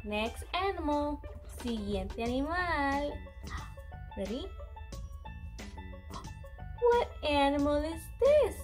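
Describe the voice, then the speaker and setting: A woman's voice: high voice, lively intonation, slow, pauses often, music in the background. A woman in her thirties giving a simple children's language lesson, encouraging as if talking to a toddler. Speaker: bilingual teacher for toddlers. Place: small room indoors.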